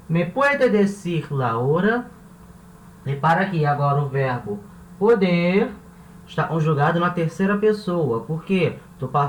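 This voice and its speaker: Patient teacher in an echoey room. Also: male voice, fairly high pitch, slight background noise. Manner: patient, repeats words slowly, checks in with "tá?" and "né?". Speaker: language teacher. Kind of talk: classroom-style video lesson. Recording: echoey room with faint ambience.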